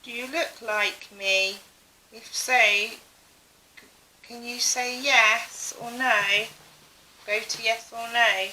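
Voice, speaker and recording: A woman's voice: fairly high pitch, fairly even intonation, slow, long pauses, background noise. A woman taking part in a ghost hunt, putting questions to spirits.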